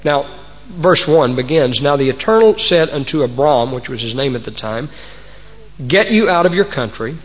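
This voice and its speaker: In a slightly rough, mid-range voice, a Texas-accented man preaches animatedly at a moderate pace, giving his congregation a homespun, folksy sermon studded with old sayings. A large, reverberant hall leaves the recording muffled.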